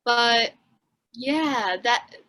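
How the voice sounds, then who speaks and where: A woman's voice: a little high, very slow, bright, forceful tone. A young woman with a Wisconsin accent, chatting as a podcast guest and filling her talk with "like". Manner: chatty, lots of "like" fillers. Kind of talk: casual interview chat.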